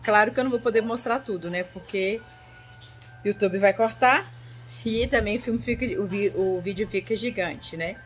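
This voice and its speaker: A woman's voice: medium pitch, normal speed, highs cut off, soft background music. A woman casually talking her viewers through a horror film, chatty and direct, often checking in with them. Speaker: YouTuber reviewing a horror film. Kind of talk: casual film commentary vlog.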